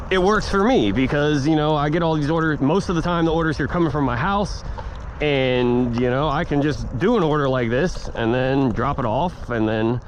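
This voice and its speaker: A man chatting casually to his viewers in a laid-back, slangy, rambling way, recorded outdoors while riding a scooter. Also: mid-range voice. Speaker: vlogger and delivery gig worker. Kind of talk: casual vlog chat to viewers. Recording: outdoors on the move, clear road noise.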